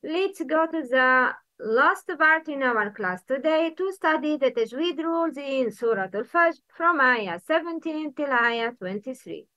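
A woman teaching tajweed, reciting Quran slowly and drawing out words for her learners to repeat. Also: high-pitched, expressive, sharp tone.

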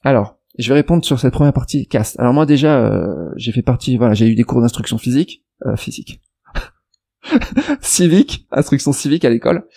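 Gravelly-voiced Frenchman, rambling talk. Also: mid-range voice, expressive, fairly quick, mellow. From France. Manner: rambling and digressive, many restarts and fillers; addresses the viewer directly and argues a point. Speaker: investment YouTuber. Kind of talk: casual monologue replying to a viewer comment.

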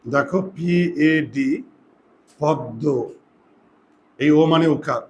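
A man's voice: medium pitch, moderate pace, slight background noise. A male teacher giving a grammar lesson, explaining step by step and often asking whether his students follow.

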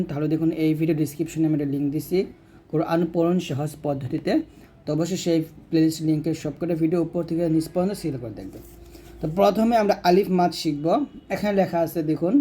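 A man teaching Quran reading step by step, stretching out letter sounds in slow drills. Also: on the high side, warm tone. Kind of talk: step-by-step recitation lesson.

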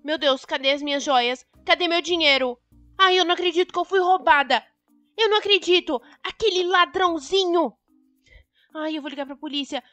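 A woman's voice: a little fast, dry recording, soft background music. A woman voicing a dramatic, outspoken young woman robbed by a fortune-hunter. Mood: distraught. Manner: exclaiming, high and bright.

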